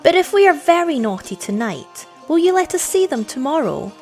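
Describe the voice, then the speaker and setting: Storybook child, acted by a woman: small girl, high and plaintive, begging with drawn-out cries. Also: very animated, darkish tone, faint music behind. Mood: eager pleading. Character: two little girls, tearful, pleading, longing to be naughty.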